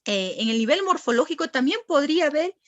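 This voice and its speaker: Woman teacher, high voice, patient lecture style, dull lo-fi sound. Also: expressive, a little fast, dry recording. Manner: patient, asks the class questions and answers them herself. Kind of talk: classroom lecture. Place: classroom.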